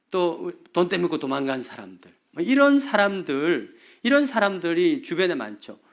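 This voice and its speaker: A middle-aged male pastor preaching a sermon, asking the congregation rhetorical questions. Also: high voice.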